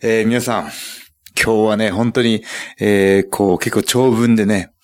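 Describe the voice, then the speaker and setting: A man with a fairly low voice hosts a podcast from a studio. He talks casually and loosely, and he often stops to joke and to drop fillers. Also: steady tone, a little slow, darkish tone. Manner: chatty, jokey, many fillers. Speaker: podcast host.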